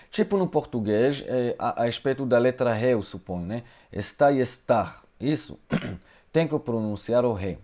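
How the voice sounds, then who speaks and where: A man's voice: mid-range voice, dark tone. A man whose first language is Hebrew, teaching a live online Hebrew lesson from home and answering viewers' questions, hesitating often and adding tag questions.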